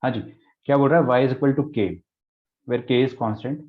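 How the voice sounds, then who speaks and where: A man's voice: medium pitch, fairly even intonation, measured pace. A male maths teacher giving an online lecture, mixing Hindi and English, explaining step by step and answering his own questions. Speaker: math teacher. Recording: tinny phone-like lecture audio.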